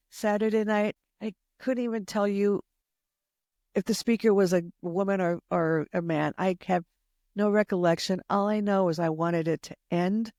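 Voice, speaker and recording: A woman's voice: medium pitch, a little mellow, dry recording. Woman in her 60s, veteran youth pastor type; earnest, heartfelt testimony voice, recorded close and dry. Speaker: longtime youth pastor, guest. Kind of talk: personal faith testimony in conversation.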